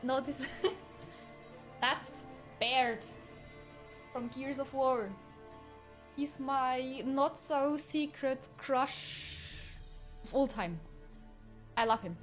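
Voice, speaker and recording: Speaking extremely slowly with frequent pauses, a man plays a sarcastic, teasing AI avatar for viewers, his voice changer giving him a female sound that is very high-pitched and a bit bright. He stays fully in character, keeping things chatty and casual, as faint game music runs in the background.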